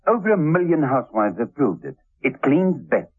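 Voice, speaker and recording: A man's voice: very animated, normal speed, slightly rough, dry recording. Emphatic man in an old radio ad. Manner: emphatic sales pitch. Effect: old radio broadcast sound. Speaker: advertising announcer. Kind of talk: vintage radio commercial. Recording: tinny dry old radio commercial.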